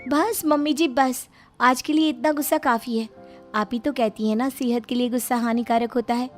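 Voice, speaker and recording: A woman voicing a sensible, dutiful young daughter-in-law in a cartoon story who pleads and gently scolds. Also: fairly high pitch, steady tone, normal speed, faint music behind, lightly acted. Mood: pleading.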